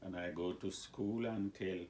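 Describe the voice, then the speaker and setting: A man in his nineties with a Jamaican accent, slowly and haltingly telling his life story, searching for words. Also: sits low, fairly even intonation, warm tone, slight background noise. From born in Cuba, raised in Jamaica. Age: 90s. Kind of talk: casual interview.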